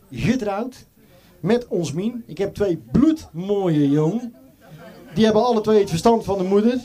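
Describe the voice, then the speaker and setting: A man's voice: high voice, warm tone. A middle-aged man with a Brabant accent doing a carnival stand-up act in character as a doorman, chatty and joking with lots of fillers. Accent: Brabant Dutch. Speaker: carnival comedian.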